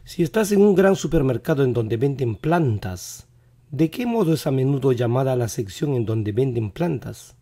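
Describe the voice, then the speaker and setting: A male teacher running a vocabulary quiz lesson, repeating each English word slowly and carefully, his voice not fully recovered. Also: mid-range voice, animated, mellow.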